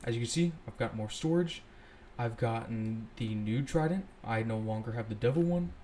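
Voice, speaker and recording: A young man at his computer talks through code in a loose, thinking-out-loud way, pausing to correct himself. His voice sits at an ordinary pitch for a man. Faint noise and keyboard clicks run beneath it. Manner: relaxed, thinks aloud, self-correcting. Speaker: scripting tutorial host. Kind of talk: casual screen-recorded coding walkthrough.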